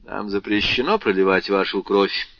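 A cool, phlegmatic bandit chief speaks with calm, dry irony, as a male audiobook reader puts him on. His voice is low, and the recording is dry and a bit dull. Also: no room sound, lightly acted. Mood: deadpan. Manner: unhurried, deadpan. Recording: slightly muffled dry recording.

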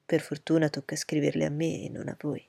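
A woman reading aloud voices a proud, reserved gentleman who speaks in a cool, measured, lecturing way. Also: deep voice, flat delivery, gravelly, husky, dry recording, heavily acted.

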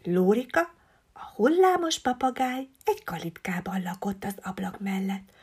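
A woman reading a children's story aloud, expressive and often dropping to a breathy hush. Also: a little high.

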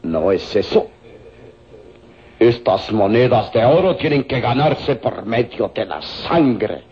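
Menacing and tempting, a male actor with a medium-pitched, sing-song, slightly mellow voice plays a sinister, corpulent, greedy villain who hires killers in a Spanish-language radio serial. His sly, taunting delivery is drawn out and laced with menacing chuckles, heard through a dull, hissy old recording.

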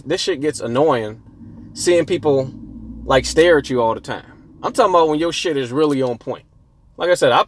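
A man's voice: medium pitch, dry recording. A young man hosting a casual solo podcast, profane and boastful, rambling and breaking off mid-thought. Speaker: podcast host. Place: outdoors near a street.

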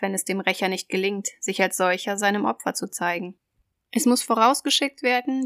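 Give me a woman reading a dark story aloud, measured and cold, with a dry studio sound. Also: mid-range voice, dry recording. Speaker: audiobook reader. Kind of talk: scripted narration of a dark tale.

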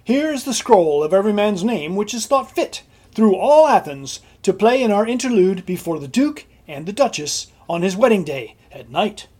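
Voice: medium pitch, sing-song, moderate pace, few pauses, a little mellow, husky. An actor playing an earnest, officious male director of amateur players in a Shakespearean comedy, fussing and coaxing.

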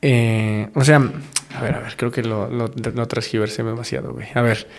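Young mexican dude, central mexico accent, bro slang in every line, swears a lot, really emphatic. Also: male voice, mid-range voice, flat delivery, moderate pace. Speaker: podcast guest, reggaeton artist. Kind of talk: casual chat.

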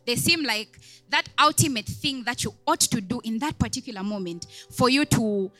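A woman's voice: a little high, normal speed, pushed and bright, no room sound, soft background music. A young woman, a deaconess, giving a conversational sermon, chatty, with many asides and questions put to the congregation. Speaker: deaconess preaching.

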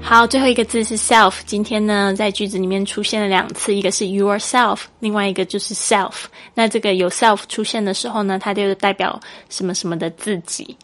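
A woman hosting a podcast English lesson. She explains patiently and spells English words out slowly, letter by letter. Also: mid-range voice, fairly even intonation, fairly bright tone. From Taiwan. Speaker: English teacher and podcast host.

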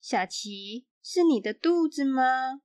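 Woman doing a soft-spoken schoolteacher. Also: sits high, expressive, takes it slowly, no echo. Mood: questioning. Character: patient female schoolteacher, gently questioning.

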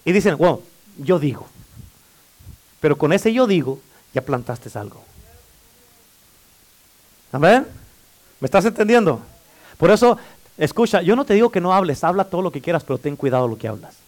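A man's voice: high-pitched, very animated, a little fast, pauses often, a little mellow. A man preaching a sermon as pastor, calling for amens and teasing the congregation in a playful way. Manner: preaching with call-and-response amens. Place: church.

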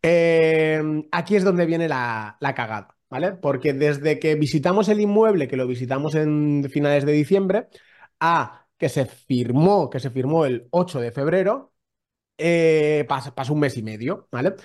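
A man co-hosts a casual podcast and tells a long story. His pitch climbs and falls a great deal, and he acts out the dialogue as he goes. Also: lively intonation, a little slow, darkish tone. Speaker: podcast co-host.

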